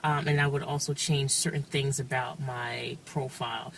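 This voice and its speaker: Woman, 30s, low register, hesitant interview subject; distant mic, faint music bed. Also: fairly even intonation, normal speed, vocal fry, slight background noise. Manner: hesitant, many ums. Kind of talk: documentary interview.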